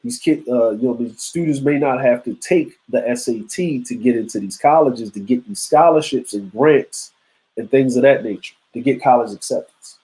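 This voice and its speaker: A man in his forties hosts a live stream, offering casual commentary in a loose, conversational style full of slang and asides to his chat. His mid-range voice is mellow and moves at a normal speed, though the audio is poor.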